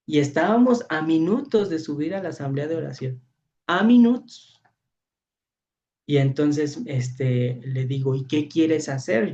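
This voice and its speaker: A priest with a Mexican Spanish accent, preaching in a storytelling way, acting out voices and often asking "¿verdad?". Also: male voice, a little high, warm tone. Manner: storytelling, acts out voices, frequent rhetorical "¿verdad?". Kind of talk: preaching to a youth training session. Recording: dull lo-fi audio.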